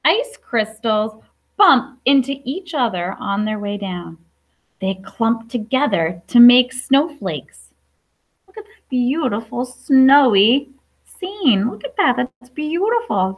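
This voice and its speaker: In an indoor classroom, a primary school teacher around her thirties reads aloud to young children, enunciating clearly and adding chatty questions for them. Her voice is on the high side, very animated and slow, though the recording quality is low.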